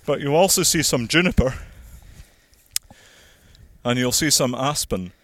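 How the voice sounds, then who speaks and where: A man, a farmer explaining his land in a measured, practical way while walking outdoors and slightly out of breath. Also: medium pitch, a bit bright, no room sound. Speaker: farmer and landowner. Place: outdoors on a hillside plantation.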